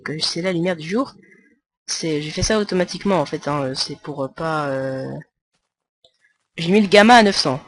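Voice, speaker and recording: A man's voice: a little high, a bit bright. Rambling man giving a casual game tutorial. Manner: rambling, with many fillers and stumbles; chatty and jokey with viewers. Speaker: tutorial maker.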